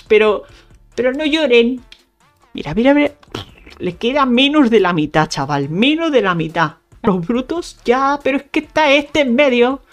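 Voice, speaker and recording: A woman with a Spain Spanish accent giving casual, playful commentary while playing a video game, teasing enemies and talking straight to her viewers. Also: mid-range voice. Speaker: gaming YouTuber.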